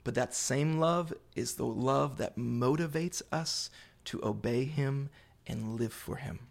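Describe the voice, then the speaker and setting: A man preaching a sermon to a congregation, explaining scripture in deliberate, emphatic phrases with pauses, repetition and rhetorical questions. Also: mid-range voice, creaky. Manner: rhetorical questions put to listeners. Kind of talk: sermon, Bible exposition to a congregation.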